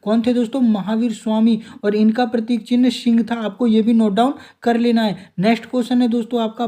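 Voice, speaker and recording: Mellow-voiced man running exam quiz revision. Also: extremely high pitch. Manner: calls the listener "दोस्तों" often, reads options then gives answer. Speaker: exam prep teacher.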